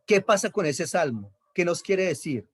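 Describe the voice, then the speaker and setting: A man's voice: high-pitched, expressive, moderate pace, slightly rough. A man teaching a Bible lesson on Hebrew accent marks, explaining patiently, repeating key terms and checking in with his listeners.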